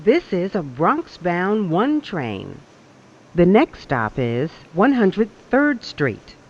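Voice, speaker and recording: A recorded subway announcer heard over a train loudspeaker, speaking in measured, evenly spaced phrases. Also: medium pitch, wildly swooping pitch, lo-fi sound. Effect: played over a train loudspeaker.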